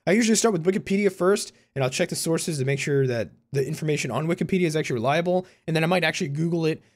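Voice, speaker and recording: This is a slightly high-pitched, very fast male voice belonging to a university student and YouTuber in his early twenties from Concord, California. Talking informally to his viewers in a vlog with a Californian American accent, he rambles, corrects himself often, and peppers his speech with "like" and "you know."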